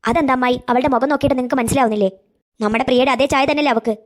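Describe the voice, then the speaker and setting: Brief: woman as a firm, caring cartoon aunt, rapid delivery, slightly high. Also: lightly acted. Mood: coaxing.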